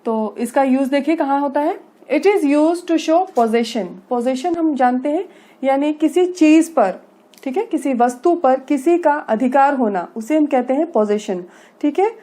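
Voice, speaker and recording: A woman's voice: high-pitched, warm tone. A woman teaching English grammar, explaining patiently and checking understanding often. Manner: explains slowly, checking understanding with frequent tag phrases; reads English examples slowly and carefully. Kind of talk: classroom-style grammar lesson.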